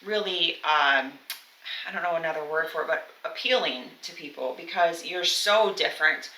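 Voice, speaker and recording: Chatty bright-voiced woman podcast host. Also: deep voice, slight background noise. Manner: chatty, gushing, quick asides. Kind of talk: casual chat. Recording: echoey room.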